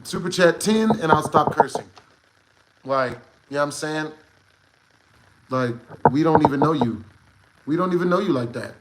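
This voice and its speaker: A man's voice: a little high, lively intonation, normal speed, long pauses, heavy background noise. A man live-streaming, chatting casually with his viewers in a joking, slangy way and swearing freely. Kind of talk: casual livestream chat with viewers.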